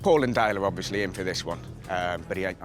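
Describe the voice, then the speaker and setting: A man's voice: sits low, quick pace. A man who works as a dealer, talking casually to camera. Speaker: dealer and bidder. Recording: faint music behind the voice.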